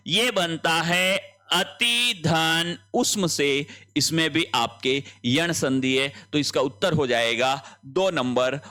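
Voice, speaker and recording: High, bright-voiced exam tutor man. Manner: explains each option step by step, checking in with students. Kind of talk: exam answer-key lesson.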